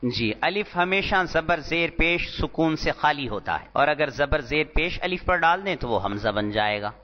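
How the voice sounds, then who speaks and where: A man teaches Arabic terms in a slow, deliberate lecture and repeats each term for his students. His voice sits a little high. The recording is dull and lo-fi, and it has a long reverb like a large hall. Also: expressive.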